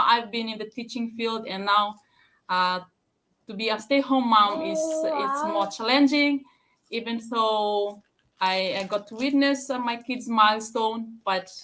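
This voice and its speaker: A woman's voice: on the high side, fairly bright tone. A woman from Fiji speaking on a live stream from her home, talking hesitantly with many fillers and restarts.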